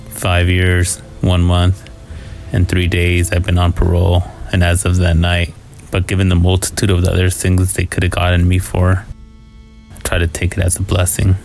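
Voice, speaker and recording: A man reading a scripted first-person scary story in a low, haunting, somber manner. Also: darkish tone. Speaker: horror story narrator. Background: music.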